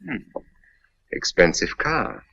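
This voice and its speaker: An actor playing a smooth, condescending con-man psychic in a 1940s film. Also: lowish voice, wildly swooping pitch, slow, pushed and bright, full character voice. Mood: scheming. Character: suave scheming male fake psychic, middle-aged. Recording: dull old 1940s film soundtrack with faint hiss.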